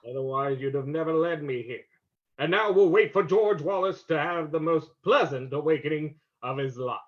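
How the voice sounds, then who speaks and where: A man's voice: fairly high pitch, normal speed, lo-fi sound, close to an everyday voice. A man playing a mysterious, mocking, commanding avenger in ominous, theatrical old-time radio style. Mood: menacing.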